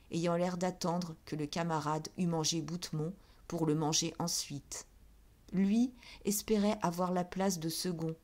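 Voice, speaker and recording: A woman reading a classic novel aloud as an audiobook in a measured, steady way. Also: lowish voice. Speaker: audiobook reader.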